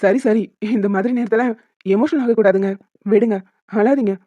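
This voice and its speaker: A woman doing a soft-spoken young husband. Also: moderate pace, no echo, close to an everyday voice. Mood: soothing. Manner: calm, comforting, lowered voice. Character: gentle young husband, soothing his wife. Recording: dull dry sound.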